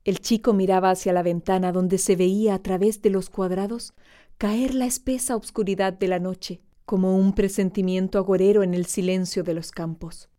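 A woman reading a literary story aloud in a measured, gentle audiobook narration. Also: mid-range voice, fairly even intonation.

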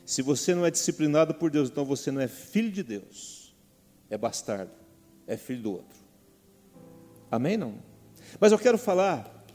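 A man's voice: fairly high pitch, mellow. Brazilian man preaching in a reverberant hall. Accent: Brazilian Portuguese. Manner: calls out to the congregation with repeated "amen?" questions. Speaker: pastor. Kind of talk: sermon. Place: church hall. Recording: long hall reverb with faint music.

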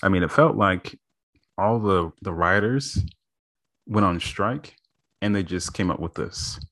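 A man's voice: sits low, a little slow, fairly bright tone, no echo. A man in a casual chat giving blunt opinions about a film, often stammering before his point. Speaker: movie review co-host.

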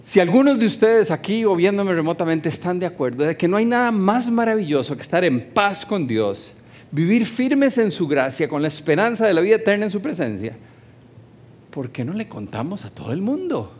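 A man's voice: high voice, sing-song, moderate pace, a little mellow. A pastor preaching to his congregation in a conversational way, often asking them questions. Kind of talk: sermon. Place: church hall, also streamed.

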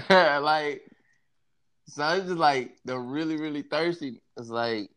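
A man's voice: on the high side, slow pace, fairly bright tone, clean tone. A young man chatting casually as a co-host, slangy and joking, in the easy manner of a guy talking with his bros. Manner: laid-back bro talk, slangy, joking.

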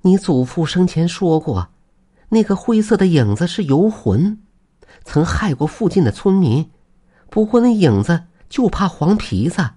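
An earnest village wife in a spoken folk tale presses her husband with heartfelt urging, voiced by a man. He lifts his voice high above his usual register, keeping a husky edge. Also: very animated, unhurried, dark tone, full character voice. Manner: earnest, pleading.

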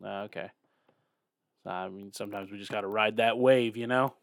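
A man's voice: fairly low pitch, steady tone, normal speed, vocal fry, dry recording, clean studio sound. A young man hosting a casual podcast over a call, rambling, swearing freely and chuckling. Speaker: podcast host.

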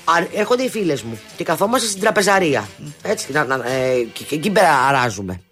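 A woman co-hosting a talk show, telling animated anecdotes in casual chat with many restarts and quoted asides. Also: low-pitched, faint music behind.

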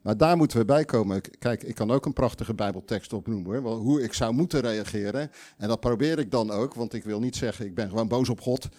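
A man preaches in a conversational, emphatic way. He asks his listeners direct questions and now and then voices the people he quotes, in a voice of middle pitch. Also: fairly quick, hardly any pauses, a little mellow. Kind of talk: sermon with audience questions.

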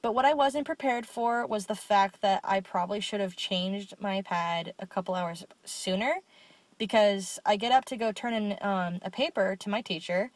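A woman's voice: mid-range voice, moderate pace, no echo. A young woman co-hosting a podcast, telling stories candidly and swearing freely in casual chat. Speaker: podcast co-host.

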